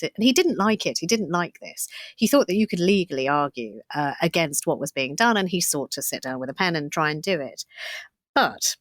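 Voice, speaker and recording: A woman co-hosting a history podcast, telling the story in a lively, animated way with frequent restarts. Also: deep voice, no room sound. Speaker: podcast co-host.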